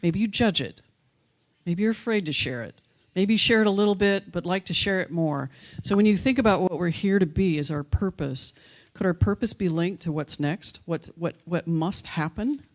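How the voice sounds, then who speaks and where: A woman's voice: fairly low pitch, normal speed. A woman minister speaking casually and playfully to her congregation, inviting people to share. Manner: playful, encouraging, jokes with the congregation. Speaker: minister leading a sharing circle. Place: church hall.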